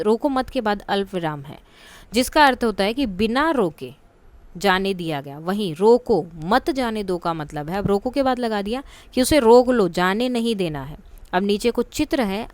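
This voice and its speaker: A woman works through a school textbook lesson, explaining each point patiently and checking that her listeners follow. Her voice sits at a middle pitch. The recording is dry and close, with no room sound. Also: dry recording. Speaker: teacher.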